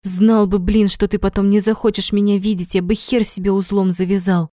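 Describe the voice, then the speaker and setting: A man's voice: high-pitched, flat delivery, a little fast, mellow, no room sound, clean studio sound, close to an everyday voice. Woman reading as blunt hot-headed young guy Sanya. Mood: angry. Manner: gruff, swears a lot.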